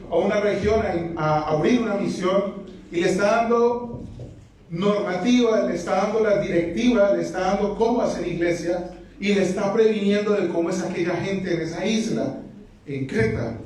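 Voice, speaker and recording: A man's voice: high voice, a little mellow. A man preaching a sermon to a congregation, firing rhetorical questions at them and dropping joking asides. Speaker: pastor. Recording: very echoey hall, mic far off.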